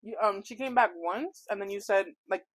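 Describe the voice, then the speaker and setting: A woman's voice: mid-range voice, moderate pace, no echo. A young woman co-hosting a podcast, casually chatting and making blunt, teasing remarks at her friend. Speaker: podcast co-host. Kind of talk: casual chat.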